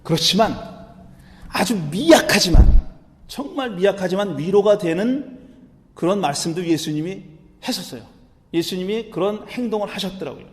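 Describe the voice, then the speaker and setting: Brief: a male pastor with a high voice, chatty and animated, recorded with long church reverb. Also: normal speed. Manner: conversational, animated, acts out the quotes in character. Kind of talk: sermon.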